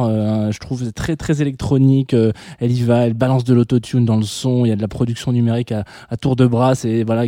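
Dark-voiced rambling radio host, man. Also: mid-range voice, no echo, studio quality. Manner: rambling, many fillers and restarts. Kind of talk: late-night radio music chat.

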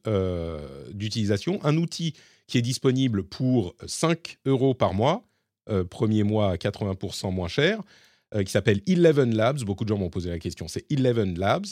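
A man's voice: lowish voice, darkish tone, no room sound, studio quality. A man with a slightly hybrid French accent co-hosting a casual tech podcast, explaining with many fillers and restarts. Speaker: podcast co-host.

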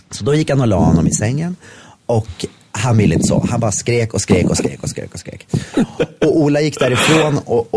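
A man's voice: on the low side, warm tone, husky, no echo. A man chatting casually, telling a story with many restarts and repeated words. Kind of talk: casual chat.

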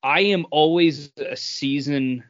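A podcast co-host, a man with a slightly high voice, speaks slowly and explains things casually, often repeating himself. The recording is dry, dull and lo-fi.

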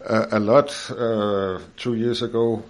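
This Danish financial adviser in his fifties speaks with a Danish accent during a studio podcast interview. His voice is lowish and fairly even, and he takes it slowly, repeating words and chuckling as he explains things.

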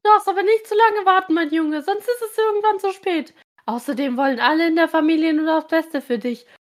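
A woman's voice: very high-pitched, fairly quick. A woman reading the part of a nosy, provocative aunt. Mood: prying. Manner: prying, provocative. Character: nosy, spiteful aunt, middle-aged.

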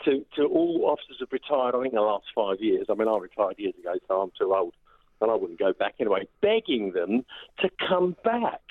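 An older man calling a phone-in, opinionated and emphatic, halting and repeating his phrases. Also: lowish voice, very animated. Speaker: radio phone-in caller, retired police officer. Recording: tinny phone line.

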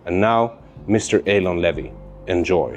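A man hosting an interview podcast, asking questions haltingly with many fillers, recorded in a room high above city streets. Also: dull audio, over music. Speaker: podcast host.

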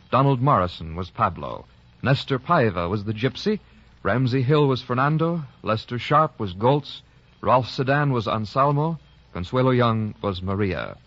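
Lively old-time American radio announcer, man. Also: mid-range voice. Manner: formal, measured announcer delivery. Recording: dull vintage radio broadcast recording.

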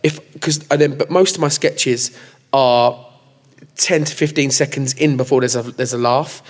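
A man talking excitedly in a casual live interview as a guest, rambling with lots of restarts. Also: medium pitch, moderate pace. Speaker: comedy creator, interview guest.

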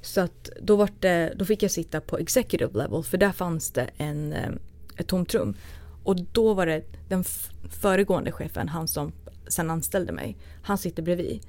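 A woman's voice: lowish voice, expressive, hardly any pauses, darkish tone. A woman from Sweden, a guest in her thirties, telling anecdotes in a casual interview and acting out the dialogue.

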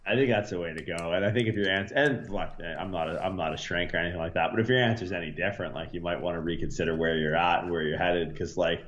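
A man's voice: deep voice, fast, hardly any pauses. A man in his thirties, a podcast guest, talking in a rambling, laid-back way with swearing and fillers. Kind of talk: casual podcast interview. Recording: slightly dull lo-fi sound with faint noise.

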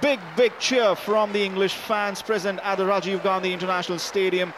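A male cricket commentator with a high-pitched voice calls the play ball by ball. He is recorded live at the ground, with faint outdoor noise behind him. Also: flat delivery, fairly quick.

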